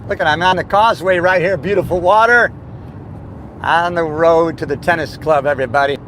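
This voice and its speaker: A man giving an upbeat, emphatic motivational chat to his audience while driving. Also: on the high side. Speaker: motivational vlogger. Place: inside a moving car. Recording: steady car and road noise. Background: car and road noise.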